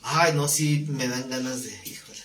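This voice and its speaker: A man, a pastor teaching a live Bible class, telling stories in a lively way and asking the class questions. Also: mid-range voice, moderate pace, crowd noise. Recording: echoey room, faint background noise.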